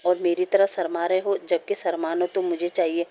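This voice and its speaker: A woman voicing a caring young man in a spoken story, earnest and gently insistent. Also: fairly low pitch, little pitch movement, moderate pace, lightly acted. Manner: earnest, mildly scolding.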